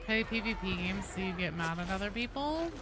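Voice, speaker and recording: A woman streams a game and chats casually as she plays, tossing out slang and swearing a lot throughout her gameplay commentary. Her mid-range voice is expressive and fairly quick.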